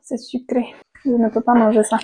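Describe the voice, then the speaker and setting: A young woman vlogging casually into a handheld mic at home, chatty and quick to laugh, trailing off and restarting her thoughts. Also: fairly high pitch, little pitch movement, dark tone, breathy edge. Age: young adult. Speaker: content creator. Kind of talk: casual vlog chat. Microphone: handheld microphone.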